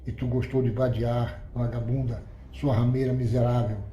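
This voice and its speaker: Brief: sneering spiteful man read by a male narrator, dark tone, roomy echo. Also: mid-range voice, little pitch movement, moderate pace, dull audio, soft background music, lightly acted. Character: spiteful scornful man, former trainer. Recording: roomy echoey recording.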